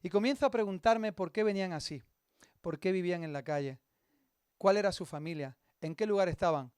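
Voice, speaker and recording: A middle-aged man preaching a sermon as a pastor, telling a story with lively acted-out quotes. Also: sits high, brisk, smooth, no echo, studio quality. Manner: animated, acts out quoted voices. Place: church meeting hall.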